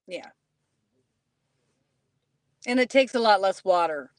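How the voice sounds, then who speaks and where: Woman, guest co-host, medium pitch, dry sound, casual explaining, plain-spoken, halting. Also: lively intonation, no echo.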